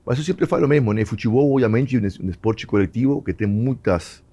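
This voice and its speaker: Warm-toned, animated and fairly quick, this mid-range male voice belongs to a Uruguayan former footballer whose first language is Spanish. Telling stories in an interview, he mixes Portuguese and Spanish and laughs frequently.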